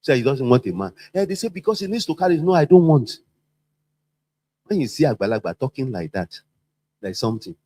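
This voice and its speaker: Animated man teaching a class. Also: mid-range voice, fairly quick, pauses often. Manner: animated, repetitive, acts out quoted voices. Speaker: trainer. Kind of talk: workplace training talk.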